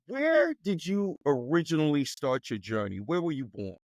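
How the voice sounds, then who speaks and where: Lively-voiced male podcast host. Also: a little high, normal speed, no room sound, low-quality recording. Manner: scripted-sounding intro, brief back-channel replies. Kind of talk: interview hosting.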